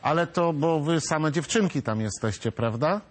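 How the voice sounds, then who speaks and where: A woman's voice: sits low, animated, normal speed. A woman presenter interviewing schoolchildren with friendly, coaxing questions. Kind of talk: interviewing pupils.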